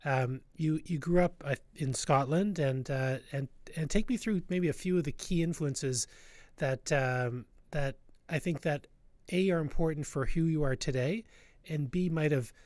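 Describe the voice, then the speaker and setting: A man's voice: fairly high pitch, a little slow, darkish tone, no echo. A man hosting an interview podcast, speaking with many fillers and restarts. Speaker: podcast host.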